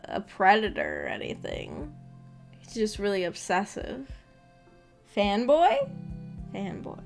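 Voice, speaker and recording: This streamer, who runs a visual novel book club, has a creaky voice on the high side. She rambles, hesitates and giggles as she reacts to comments from her viewers, with music playing in the background.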